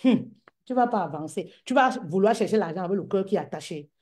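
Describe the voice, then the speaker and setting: Mellow-voiced woman business coach. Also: mid-range voice, quick pace. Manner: lively and repetitive, calls listeners "queens" and "mama". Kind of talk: casual livestream talk to followers.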